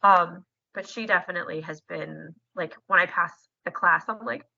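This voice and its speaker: A woman's voice: fairly low pitch, moderate pace, creaky, pushed and bright, no room sound, dull audio. A young woman, a nursing student, chatting emotionally in an interview, with lots of fillers and laughter. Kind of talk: casual interview chat.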